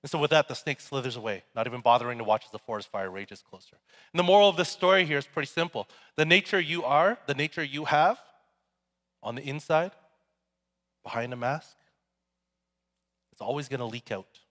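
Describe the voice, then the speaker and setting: A man's voice: medium pitch, fairly quick, pauses often, fairly bright tone. A male pastor giving a sermon in a casual, joking, conversational way. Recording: echoey hall.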